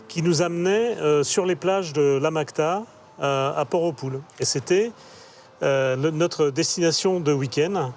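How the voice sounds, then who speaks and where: A man's voice: fairly high pitch, a little mellow, slight background noise. A man from Algeria telling childhood memories in an interview, nostalgic and hesitant. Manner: nostalgic, unhurried storytelling with hesitations. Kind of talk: reminiscing interview.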